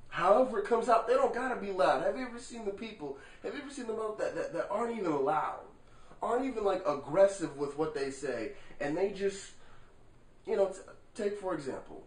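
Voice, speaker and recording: A man talking to the camera in a casual vlog monologue, animated and rhetorical, swearing freely and checking in with the viewer. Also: high voice, moderate pace. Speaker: vlogger. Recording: echoey room, far from the mic.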